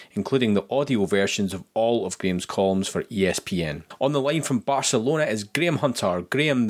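A man hosting a podcast, reading the introduction and listener questions in a brisk, clear way. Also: fairly low pitch. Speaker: podcast host. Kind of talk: scripted introduction.

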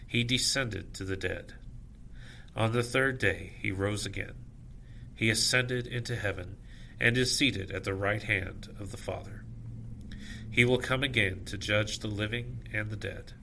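Low, creaky-voiced man leading evening prayer. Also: pushed and bright, a little hiss or hum, poor audio. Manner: measured, solemn recitation in short phrases. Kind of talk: liturgical scripture reading and prayer recitation.

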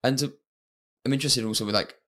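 A man's voice: mid-range voice, quick pace, fairly bright tone. A man, interviewing in a loose, conversational way.

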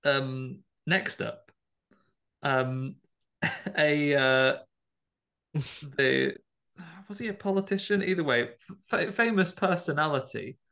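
A man's voice: fairly high pitch, takes it slowly, gravelly, long pauses, sharp tone. A man, co-hosting a podcast and setting word puzzles in casual chat, hesitant with many ums and chuckles. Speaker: podcast co-host.

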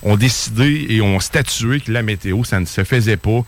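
A man with a Quebec French accent co-hosting a podcast, talking in a rambling, animated way. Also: fairly low pitch, normal speed, a little hiss or hum. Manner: rambling, animated, full of fillers. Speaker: podcast co-host. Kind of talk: casual studio banter.

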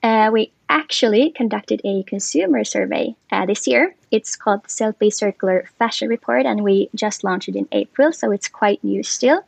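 A woman from Finland, a guest on a podcast, explaining her work with frequent pauses and fillers. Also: medium pitch, creaky, slightly rough, no echo. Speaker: guest, commercial lead. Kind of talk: podcast interview.

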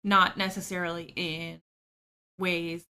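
A podcast guest with a fairly low, clean, sharp voice tells personal stories in a flat delivery, taking her time. She is candid and self-deprecating, with easy laughter and plenty of ums.

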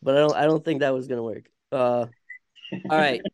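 A Vermont man, a podcast host, reads a story aloud casually in a medium-pitched, steady, slightly mellow voice with no room sound. He halts often, stumbling and correcting himself as he goes.

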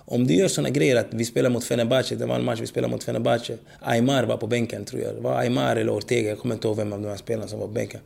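A man, talking as a podcast guest. His voice has a gravelly, fry-laden edge at an ordinary pitch. He tells stories animatedly, often checking that the listener follows him. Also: hardly any pauses. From Sweden. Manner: animated storytelling, frequent "förstår du vad jag menar". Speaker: guest, former footballer. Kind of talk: podcast interview.

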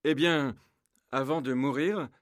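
An actor playing a brave young troubadour knight who speaks in a declamatory, courageous way in a storybook recording. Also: male voice, medium pitch, fairly even intonation, takes it slowly, no echo, clean studio sound, close to an everyday voice. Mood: earnest.

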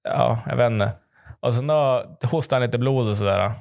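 A man's voice: medium pitch, gravelly, darkish tone. A man chatting casually in a podcast, laid-back and hesitant with many fillers. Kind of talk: casual chat.

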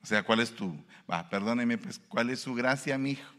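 A man's voice: normal speed, big-room sound. A male preacher, giving a sermon and asking his listeners questions. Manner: animated, shifts pitch and pace for emphasis, asks the audience questions.

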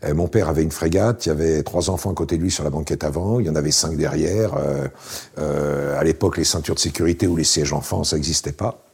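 Man, late sixties, husky, deep, casual, wry anecdotes, interview guest. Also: fast. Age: 60s. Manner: relaxed, wry, anecdotal with frequent fillers.

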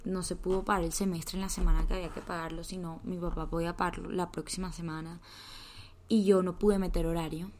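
A woman's voice: on the low side, little pitch movement, fast talker, darkish tone. A twenty-year-old woman with a Colombian accent, telling stories in a casual podcast chat, full of slang and swearing. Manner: chatty storytelling with slang and swearing. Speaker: podcast co-host.

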